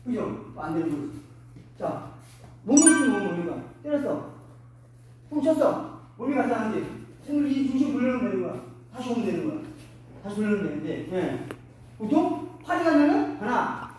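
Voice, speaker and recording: A man's voice: high voice, very animated, fairly quick, long pauses, darkish tone, distant mic, a little hiss or hum. A middle-aged man coaching boxing hands-on, giving short punchy commands and calling out punch sounds. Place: boxing gym. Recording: echoey gym, mic from afar.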